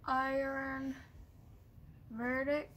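High-voiced woman reading out card names. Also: little pitch movement, extremely slow, a bit bright, slight background noise. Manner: reads card names aloud, hums little sound effects. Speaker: channel host. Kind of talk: casual pack-opening vlog.

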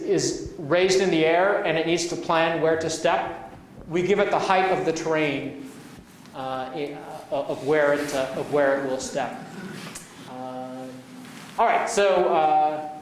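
A man giving a university lecture, halting and restarting often with many fillers as he explains his work. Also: fairly high pitch. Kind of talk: academic lecture. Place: lecture hall. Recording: echoey hall, from far off, faint noise.

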